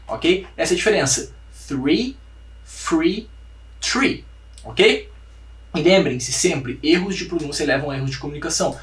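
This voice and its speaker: A man with a Brazilian Portuguese accent leads an online pronunciation lesson, his voice slightly high for a man. He explains patiently and says each word several times for students to repeat. The sound is roomy and echoey, picked up from a little way off the mic. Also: fairly bright tone. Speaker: English pronunciation teacher. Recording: echoey room, voice a bit far from the mic.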